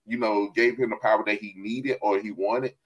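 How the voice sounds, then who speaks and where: A middle-aged author and host chats animatedly on a casual video call from a room at home, laughing often and gesturing as he talks. His voice is lowish with a breathy edge at a moderate pace, captured through a headset in a muffled recording.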